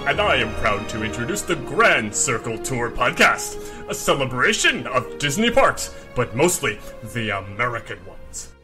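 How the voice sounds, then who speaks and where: A man plays a proud eagle mascot giving a showy intro. The pitch is middling and very lively, with music behind. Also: moderate pace, lightly acted. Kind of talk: podcast intro announcement.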